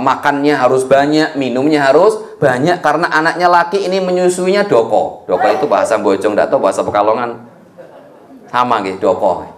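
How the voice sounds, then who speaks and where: A man with a Javanese accent preaching a sermon, telling a story in a lively way with folksy asides to his listeners. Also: a little high. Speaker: Islamic preacher. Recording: echoey room.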